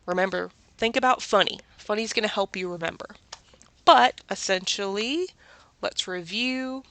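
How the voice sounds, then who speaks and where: A woman's voice: medium pitch, moderate pace, pushed and bright. A woman with a Southern US accent teaching a children's reading lesson, patiently asking questions and answering them herself.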